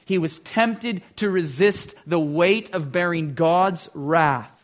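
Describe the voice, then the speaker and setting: A man preaching a sermon as pastor. He builds emphasis, slows down for scripture readings and often repeats a word as he starts a thought. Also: fairly high pitch.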